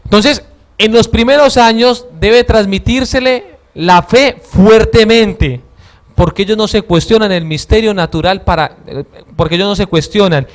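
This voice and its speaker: High-voiced earnest Colombian man preaching. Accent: Colombian Caribbean. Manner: earnest, repeats words and stumbles often. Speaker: lay preacher.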